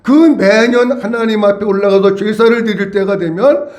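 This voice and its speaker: A man's voice: high voice, moderate pace, a little mellow. A male pastor preaching a sermon to his congregation, emphatic and repeating key words, with many questions to his listeners. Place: church sanctuary. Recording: echoey church hall.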